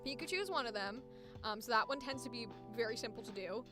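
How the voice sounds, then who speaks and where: Talking fast and animatedly over music, a young woman who streams as a voice actor chats casually about the craft in her high-pitched voice. Now and then she breaks into squeaky character voices.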